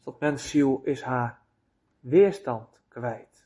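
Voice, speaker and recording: A male preacher delivers a sermon with slow, weighty emphasis. He puts rhetorical questions to his listeners and lets his words land one at a time. His voice sits at an ordinary middle pitch. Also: mellow.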